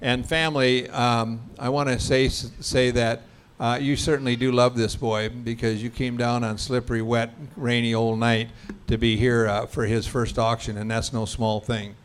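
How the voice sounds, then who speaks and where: A man's voice: medium pitch, level tone, moderate pace, hardly any pauses, smooth. A man casually hosting a class auction in a folksy, teasing way. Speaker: auction school host.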